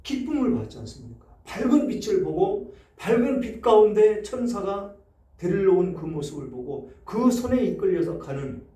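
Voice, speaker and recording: Male pastor, emphatic sermon delivery, higher voice, echoey church recording. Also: expressive, normal speed. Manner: emphatic preaching with sharp swings in loudness. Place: church sanctuary. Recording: echoey church hall, mic set far off.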